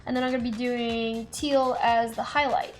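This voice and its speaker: A woman's voice: a little high, flat delivery, normal speed, soft background music. A woman in her thirties hosting a stream, chatting casually and laughing often while she paints. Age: 30s. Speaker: stream host. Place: studio set with a table.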